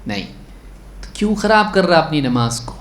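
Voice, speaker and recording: A man gives a religious lesson on prayer in a slightly high voice, heard in an echoey room. He recites a line of Arabic text, explains it, and keeps putting questions to his listeners before answering them himself. His exhortations turn stern and pleading. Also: very animated, fairly bright tone. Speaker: religious teacher.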